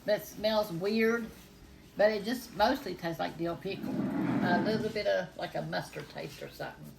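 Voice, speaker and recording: A woman's voice: fairly low pitch, moderate pace, creaky. An older woman with a Southern US drawl, speaking in a folksy, plain-spoken way like a home vlogger. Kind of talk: casual chat and spontaneous prayer. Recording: faint background noise.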